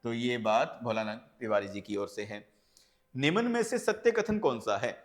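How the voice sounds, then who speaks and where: A man's voice: mid-range voice, animated, moderate pace. A man teaching an exam-prep lecture, explaining step by step and asking and answering his own questions as he goes. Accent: Hindi. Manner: calls listeners friends, often adds "right?".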